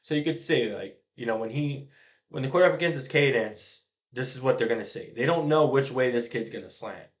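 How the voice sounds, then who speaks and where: A middle-aged man, a youth football coach, casually explaining blitz schemes over a diagram, often trailing off quietly at the ends of phrases. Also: medium pitch, brisk.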